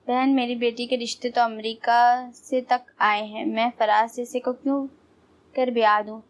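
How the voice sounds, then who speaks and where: A woman's voice: a little high, level tone, natural voice. A woman narrator voicing a proud, domineering middle-aged mother in an audio novel. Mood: boastful. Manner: boastful.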